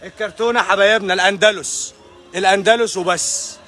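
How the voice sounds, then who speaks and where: An Egyptian man works as a promotional hype man over clear music. He talks quickly in a high voice, repeating exclamatory sales calls to viewers. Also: fairly even intonation. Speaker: promotional host. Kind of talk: live social-media sales hype.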